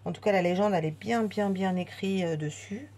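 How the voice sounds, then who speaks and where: A woman's voice: mid-range voice, a little fast, darkish tone. A woman chatting casually while unboxing a craft kit, with many fillers and restarts. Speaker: craft vlogger.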